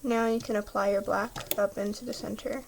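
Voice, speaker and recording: A woman's voice: medium pitch, flat delivery, fairly quick, gravelly, background noise. A woman patiently talking through a step-by-step craft tutorial, chatty, with small slips, apologies and a slightly throaty voice.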